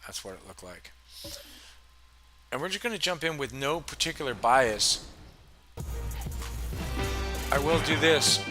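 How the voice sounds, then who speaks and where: A man's voice: a little high, big pitch swings, unhurried, pauses often, bright, forceful tone, faint music behind. A man casually commenting on a basketball video game, laughing often and rattling off player stats. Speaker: gaming channel host.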